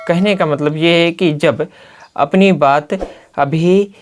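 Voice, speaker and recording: Slow, deliberate male Hindi teacher. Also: a little high. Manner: repeats key words as questions and answers them himself; slow and deliberate, spelling out examples. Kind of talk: blackboard grammar lesson.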